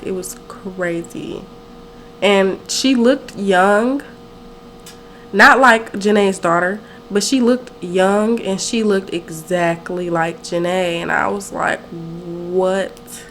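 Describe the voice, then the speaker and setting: Slow-talking nineteen-year-old woman chatting. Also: medium pitch, a little hiss or hum, rough recording. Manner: chatty, rambling, self-correcting. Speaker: podcast host. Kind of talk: casual storytelling.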